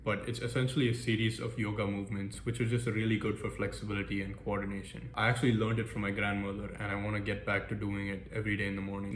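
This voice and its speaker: A young man talks through his plans in a casual, upbeat vlog, joking at his own expense as he ticks through a list. His voice sits a little low. The room is echoey with a faint hiss behind him. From United States. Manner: upbeat, self-deprecating, lists goals briskly. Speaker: vlogger. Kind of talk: casual goal-setting vlog.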